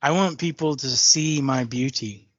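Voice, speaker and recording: A man hosts a podcast in loose, joking banter and pokes fun at himself. His voice sits at a middling pitch and sounds close and dry. The video call audio is a little muffled and lo-fi. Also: a little slow, no room sound. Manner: joking, self-mocking banter. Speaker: podcast host. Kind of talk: casual chat.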